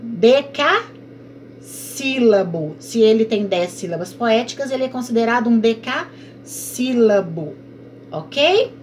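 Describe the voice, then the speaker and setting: A woman's voice: a little high, expressive, slow, slight background noise. A woman teaching a recorded online class, patiently explaining and asking and answering her own questions.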